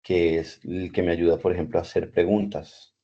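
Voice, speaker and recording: A man's voice: low voice, level tone, normal speed, dark tone. A man teaching an English class in over a video call, patiently repeating and spelling out words. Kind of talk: online class lecture. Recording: dull lo-fi video call audio.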